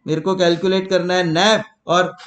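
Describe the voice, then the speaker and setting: Playful high-voiced teacher. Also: male voice, flat delivery, moderate pace, a bit bright. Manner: teasing and repetitive, mixing Hindi and English. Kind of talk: playful classroom lecture.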